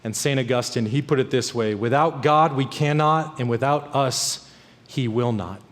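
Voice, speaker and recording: A man's voice: mid-range voice, moderate pace, a bit bright, long reverb tail. A male pastor preaching a sermon in an earnest, emphatic way, repeating key phrases. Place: church sanctuary.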